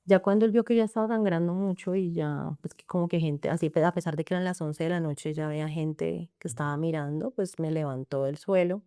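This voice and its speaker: A low-voiced woman with a Colombian accent and a warm, gravelly, smooth tone tells her own story in an interview. She speaks earnestly in long run-on sentences and often quotes what others said. The recording is dry and close. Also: fairly quick, hardly any pauses, no room sound. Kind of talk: emotional personal testimony in an interview.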